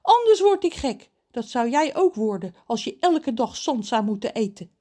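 Woman doing a squeaky cackling pirate cook guy, bouncy and sly, swoops way up high. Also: very animated, moderate pace, warm tone. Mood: cheerful. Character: cackling male pirate cook, cheerful and scheming.

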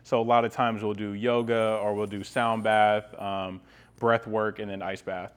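A man's voice: fairly low pitch, little pitch movement, moderate pace, smooth. A young man speaking as a guest coach, explaining things casually and with enthusiasm. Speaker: guest, ice bath workshop coach. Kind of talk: casual explanatory interview talk.

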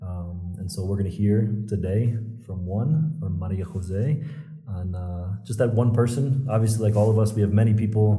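A man's voice: fairly low pitch, moderate pace, warm tone, soft background music. A man who is a native English speaker, hosting a podcast and interviewing a guest in a conversational style. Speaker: podcast host. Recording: roomy, echoing space.

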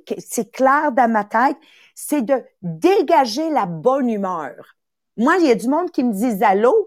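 A woman leads a live motivational session. Her voice sits a bit high. She talks in an upbeat way, repeats words for emphasis and drops English phrases in. The sound is dry and close. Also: darkish tone, no room sound. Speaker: podcast host and coach.

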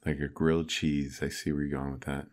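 A man in casual podcast banter with a deadpan delivery, as one of the co-hosts. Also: a bass voice, fairly quick. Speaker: podcast co-host.

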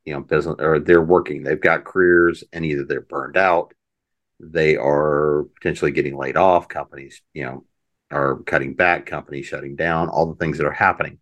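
Male podcast host, very low voice, easygoing and rambling. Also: steady tone, normal speed, fairly bright tone, muffled recording. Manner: rambling, reflective, repeats words as he starts sentences. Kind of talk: casual podcast conversation.

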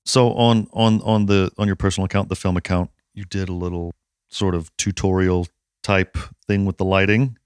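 A man's voice: deep voice, steady tone, moderate pace, smooth, no room sound, studio quality. An American man hosting a podcast, chatting casually with a self-deprecating, easy laugh and some swearing. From United States. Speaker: podcast host.

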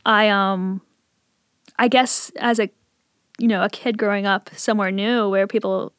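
A woman in her thirties who grew up in Appalachian southern Ohio and later moved to Richmond, Virginia, tells personal stories casually as an interview guest. Her medium-pitched voice is clear and resonant with fairly even intonation and a measured pace, recorded in clean studio sound with no room noise.

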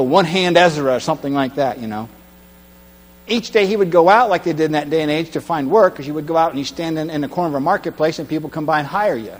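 Dramatic male preacher in a reverberant hall. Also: on the high side. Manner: dramatic storytelling, swings from hushed to loud. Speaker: pastor. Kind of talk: sermon. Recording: long hall reverb with mains hum.

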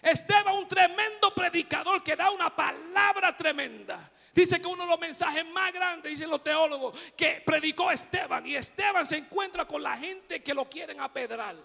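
A male pastor preaching a sermon, shouting out lines and then dropping to a hushed, almost whispered voice. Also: very high voice, normal speed, vocal fry, hardly any pauses, big-room sound.

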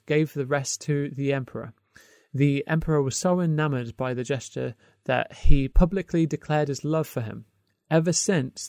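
Gravelly-voiced man chatting about film. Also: medium pitch, a little mellow, no room sound, studio quality. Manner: hesitant, full of ums and restarts, laughs often. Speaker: podcast co-host. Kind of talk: casual film discussion.

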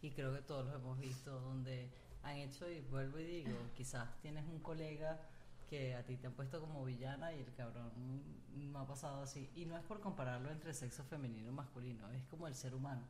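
A woman's voice: extremely low pitch, steady tone, brisk, a little mellow. A woman hosting a casual chat, effusive and full of salty slang. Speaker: host. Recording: echoey room with faint noise.

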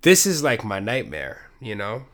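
This man's fairly low voice swoops wildly in pitch, has a fairly bright tone, and keeps a measured pace. He's hosting a casual solo podcast from home while fighting a cold, sniffly, rambling, profane and self-deprecating.

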